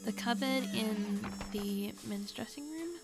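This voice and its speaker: A woman's voice: mid-range voice, measured pace, over loud music. A woman streaming a video game, chatting casually and making self-mocking asides while she reads in-game letters aloud. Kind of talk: casual let's play commentary.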